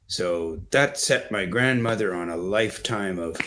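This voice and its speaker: A man's voice: deep voice, measured pace, fairly bright tone, a little hiss or hum. A middle-aged man from Canada, a guest in an interview, telling long, earnest stories and explaining photos in a discursive way. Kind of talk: storytelling in an interview.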